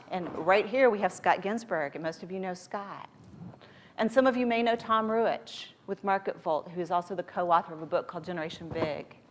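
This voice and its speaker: A woman with a voice a little lower than most speaks as a coach and motivational presenter. She addresses a live group in an emphatic storytelling style, leaning on rhetorical questions to draw listeners in. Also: a little hiss or hum.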